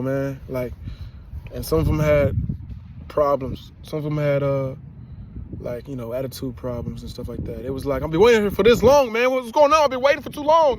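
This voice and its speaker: A man's voice: medium pitch, a little mellow, slight background noise. A young man telling a personal story in a casual, rambling way, full of slang and repeated words. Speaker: vlogger and rapper.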